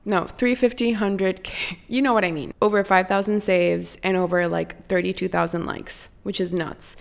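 A woman's voice: mid-range voice, fairly even intonation, moderate pace, gravelly. A young woman from Costa Rica hosting her own podcast, chatting candidly and casually at home, swearing freely. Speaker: podcast host. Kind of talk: casual solo podcast chat. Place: her apartment.

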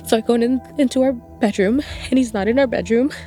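A woman's voice: a little high, a little fast, warm tone, soft background music. A woman being interviewed, telling her story in an emotional way and acting out what people said. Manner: emotional, acts out quoted dialogue. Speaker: interviewee, widow recounting. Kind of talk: personal interview recollection.

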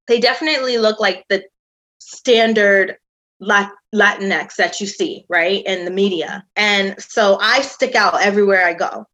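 A woman's voice: medium pitch, measured pace, fairly bright tone. A woman in her thirties from the United States, a tour company founder telling her story in a chatty interview with many "um"s and "like"s. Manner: chatty, uses lots of "um" and "like".

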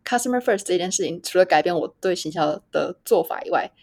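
A woman's voice: lowish voice, animated, quick pace, darkish tone, no room sound, clean studio sound. A woman hosting a casual podcast interview, chatting and laughing at herself now and then. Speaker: podcast host.

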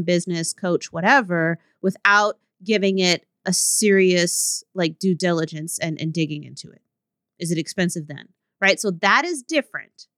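A woman hosts a solo podcast in a frank, conversational way, often checking in with her listeners. Her voice sits at a middle pitch. The recording is dry and close, with no room sound. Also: fairly bright tone, no room sound. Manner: frank, conversational, with many "right?" tags. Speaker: podcast host and business coach.

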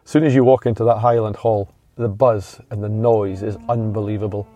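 A man's voice: on the low side, steady tone, a little fast, dark tone, highs cut off, faint music behind. A man talking casually in a podcast discussion.

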